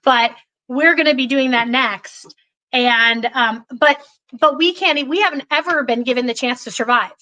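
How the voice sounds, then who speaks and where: A woman's voice: high-pitched, moderate pace, pushed and bright, low-quality recording. A woman in her forties, a political candidate talking passionately in a podcast conversation, emphatic and full of restarts.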